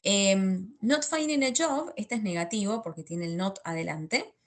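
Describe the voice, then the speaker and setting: A woman's voice: medium pitch, unhurried. A woman teaching an online English class, explaining step by step and often checking in with a questioning "sí?". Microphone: computer mic in an online class.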